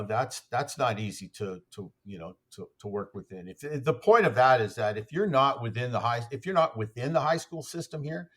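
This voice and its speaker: A man's voice: mid-range voice, a bit bright. A man, an athletics coach, telling stories as a podcast guest in a rambling way, full of fillers and restarts. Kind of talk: casual conversational storytelling.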